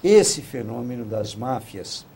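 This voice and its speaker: A man speaking as a guest commentator in a talk show debate, measured and formal. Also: medium pitch, animated, dark tone, slightly rough.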